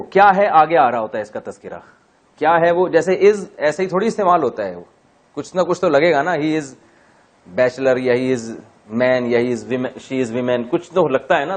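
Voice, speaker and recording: A man teaching Quran grammar in a class, explaining step by step, asking and answering his own questions, and chanting verses slowly. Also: fairly high pitch. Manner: chanted slow Arabic verse recitation. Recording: dull lo-fi recording.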